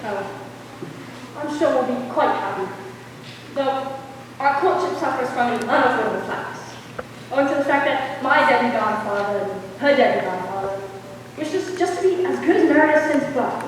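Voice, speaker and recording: A woman playing a brash, cheerful young gentleman in breezy, declamatory stage acting. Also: high-pitched, expressive, normal speed, a little hiss or hum. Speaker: actor in a stage musical. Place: school theatre stage, audience recording. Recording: echoey hall from far off.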